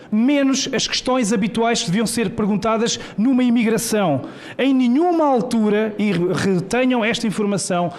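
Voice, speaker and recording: Reading out his prepared testimony at a public hearing in a senate hearing room, a Portuguese journalist sounds indignant, emphatic, and rhetorical. His voice is high with a darkish tone, and his accent is European Portuguese.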